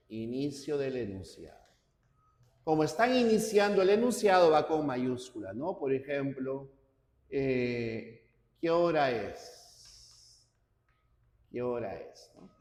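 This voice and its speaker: A man teaching a class, slow and deliberate, often checking in with his students. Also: on the high side, a little mellow. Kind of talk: classroom lecture. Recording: roomy hall with long reverb.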